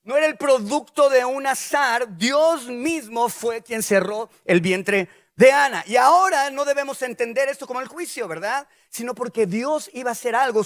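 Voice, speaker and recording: Man, preacher, sermon, animated, playful asides, very high voice.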